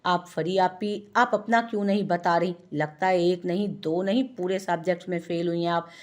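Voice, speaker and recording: A boastful young joker who never stops teasing his cousins, his lines playful and mocking, read out by a woman. The voice sits a little low. It is heard in a narrated audio story. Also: fairly even intonation, moderate pace, a little mellow, natural voice.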